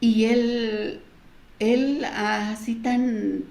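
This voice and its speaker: A woman's voice: flat delivery, extremely slow, a little mellow, echoey room. A middle-aged Mexican woman with a Mexican Spanish accent tells her personal testimony, acting out the voices in her story. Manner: storytelling, acting out quoted dialogue with pitch jumps. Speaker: church member giving testimony.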